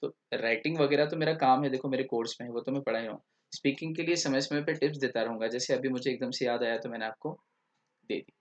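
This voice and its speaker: A male teacher delivering a recorded grammar lecture at an even, middling pitch. He explains patiently and slips back and forth between Hindi and English within a sentence. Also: quick pace, lo-fi sound.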